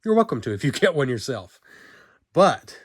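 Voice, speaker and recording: With big pitch swings, a breathy edge, and a moderate pace, this medium-pitched Southern man reviews a vinyl toy casually while handling it and talking to himself. In his Southern accent he rambles along, full of fillers and self-corrections; he's from the southern United States.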